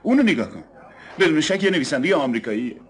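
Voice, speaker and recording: A man's voice: a little high, sing-song, husky. An actor dubbing a young man who chats and tells odd stories about a neighbor. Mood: chatty. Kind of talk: dubbed film dialogue.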